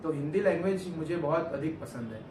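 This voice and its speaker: With a slightly high, expressive voice and a somewhat fast pace, a young man from Gujarat, India, rambles earnestly through questions about himself on his vlog, correcting himself along the way in a casual interview chat. The mic sits far from him in an echoey, noisy room.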